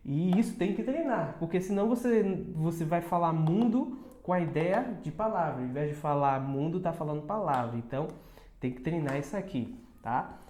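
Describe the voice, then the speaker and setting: A Brazilian English teacher gives a casual pronunciation lesson, slowly repeating words as models and checking in with quick tag questions. His voice sits on the high side and sounds animated yet mellow, recorded in an echoey room.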